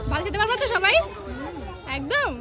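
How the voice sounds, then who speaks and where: Woman, from Bengal, playful vlog chat, high pitch, crowd noise behind. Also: very animated, brisk. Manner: chatty, teasing, playful. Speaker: vlogger. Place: outdoors at a crowded wedding reception. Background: crowd chatter.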